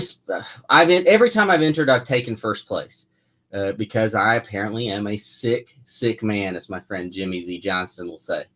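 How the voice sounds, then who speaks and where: A man's voice: lowish voice, a bit bright. A man who writes comics, answering viewer questions in a casual live chat, rambling with lots of fillers and restarts.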